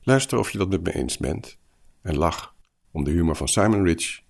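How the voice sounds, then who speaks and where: A man introducing a story reading in a calm, explanatory scripted intro. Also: low-pitched, normal speed, gravelly. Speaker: program presenter.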